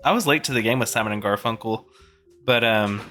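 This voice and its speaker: A man chatting casually as a guest on a podcast about cover songs, easygoing and quick to laugh. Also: on the low side, bright, forceful tone, soft background music. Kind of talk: casual chat.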